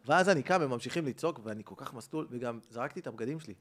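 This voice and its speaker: A man, a comedian, telling a comic story in casual chat and acting out the people in it. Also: medium pitch. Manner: animated, acts out the people in his story. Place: rooftop.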